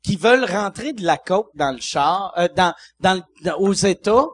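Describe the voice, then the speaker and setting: A man's voice: high voice, animated, moderate pace, breathy edge. A man with a Quebec French accent hosting a casual chat, joking and laughing often.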